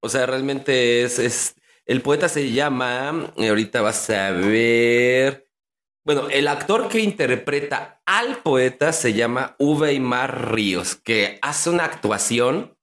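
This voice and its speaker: A man's voice: medium pitch, animated, takes it slowly, fairly bright tone. A man from Iztapalapa with a strong chilango accent, co-hosting a podcast, explaining a film with keen, slangy enthusiasm. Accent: chilango Mexico City Spanish. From Iztapalapa, Mexico City. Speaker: podcast co-host. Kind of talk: casual podcast chat.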